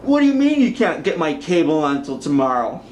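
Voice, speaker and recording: A man's voice: on the high side, sing-song, fairly quick, darkish tone, a little hiss or hum. A man playing an overexcited wrestling superfan in a mockumentary, gushing in a fanboy way. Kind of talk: mockumentary acting.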